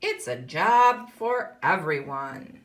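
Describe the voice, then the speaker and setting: With a low voice, big pitch swings and a slow pace, a woman reads a picture book aloud to a kindergarten class. She teaches as she reads, explaining things and putting questions to the children.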